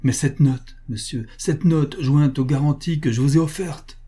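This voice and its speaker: A man reading the lines of an anxious, insinuating male prince who presses and flatters. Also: fairly high pitch, unhurried, husky. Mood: urgent. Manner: urgent and ingratiating.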